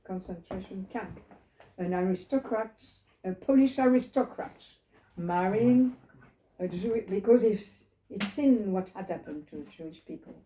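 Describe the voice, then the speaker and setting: In a roomy living room, a Holocaust survivor shares her personal story with a small group. She is an elderly woman from France whose voice is mellow and mid-range, and she speaks reflectively, digresses, and poses questions to her listeners.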